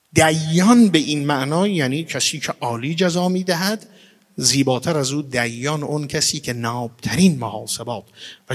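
A male preacher at a middle pitch teaches a religious lesson. He pulls words apart by their roots and answers his own questions. His voice carries a long reverb, as if he is speaking in a large hall. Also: a bit bright. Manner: recites Arabic phrases slowly and with emphasis. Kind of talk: religious lecture.

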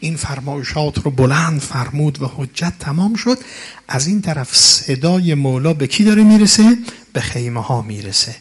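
A man preaching a mourning sermon who recites Arabic passages. He moves between hushed, near-whispered narration and loud, impassioned lament. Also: a little high.

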